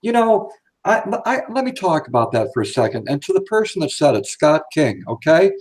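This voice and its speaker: A man's voice: a little high, sing-song, brisk, darkish tone. A man co-hosting a casual live stream, chatting as he talks out of the side of his mouth.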